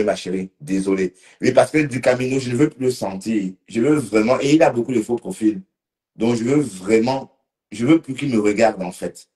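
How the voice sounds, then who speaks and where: A man's voice: lowish voice, warm tone. A man a bit tipsy, rambling casually on a live stream and talking to commenters by name. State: slightly tipsy.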